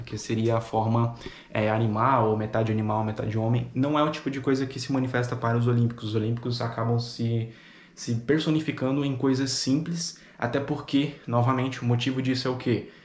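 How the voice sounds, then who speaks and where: Man, patient step-by-step teacher, mid-pitched voice, roomy echo. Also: brisk, a little hiss or hum. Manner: calm, patient, explains step by step with frequent "né" and "tá". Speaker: teacher of ceremonial magic. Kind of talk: spoken lesson.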